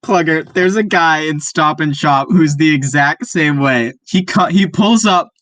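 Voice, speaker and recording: A man co-hosting a podcast, chatting in a relaxed way. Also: a little high, a little slow, no echo. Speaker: podcast co-host. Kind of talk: casual podcast chat.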